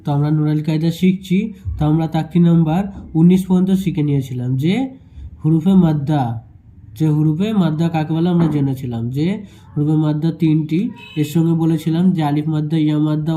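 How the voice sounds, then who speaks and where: A man teaching a Quran reading lesson, spelling out syllables slowly and explaining rules patiently. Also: fairly high pitch, steady tone, mellow. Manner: slow syllable-by-syllable spelling and recitation. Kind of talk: Noorani qaida lesson.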